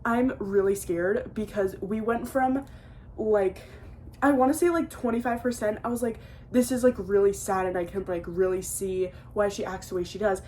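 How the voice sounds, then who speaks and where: A woman's voice: medium pitch, normal speed, darkish tone, a little hiss or hum. A teenage girl talking casually and emotionally at home about a book she is reading, full of fillers. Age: teens. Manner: gushing, emotional, filler-heavy. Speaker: book vlogger.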